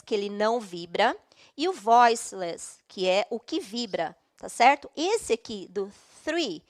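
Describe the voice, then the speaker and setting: A woman with a Brazilian Portuguese accent teaching an online English class, explaining patiently step by step and checking in often. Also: on the high side.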